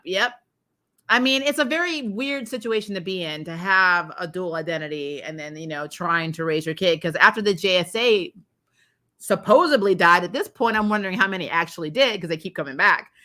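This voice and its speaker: A bright-voiced, opinionated woman with a somewhat low pitch hosts a TV show review livestream. She chats casually, reacting to episodes and reading viewer comments in an animated way, quick to laugh.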